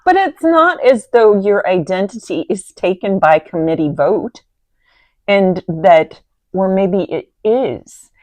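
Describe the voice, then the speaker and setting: A woman co-hosting a casual conversation, wry and animated, often pausing to search for words. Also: mid-range voice, dry recording. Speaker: co-host.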